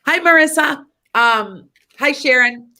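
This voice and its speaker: A woman in her fifties or older hosts a psychic radio talk show, chatting casually about spiritual matters. She is rambling and laughs often, speaking slowly in a high-pitched, bright, forceful voice with a stuffy nose.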